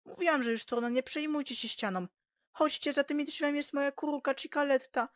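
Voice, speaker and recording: A woman voicing a fussy, flustered woman mayor in a high, prim and fretful voice for a parody cartoon dub, with music behind. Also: brisk, no echo, clean studio sound, lightly acted.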